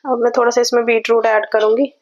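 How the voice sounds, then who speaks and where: A woman vlogger chatting to camera while cooking in her home kitchen, talking slowly and softly and mixing English words into her talk. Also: on the high side, level tone, lo-fi sound. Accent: Jammu. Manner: chatty, devotional asides, mixes English words into Hindi; tries to speak slowly and softly.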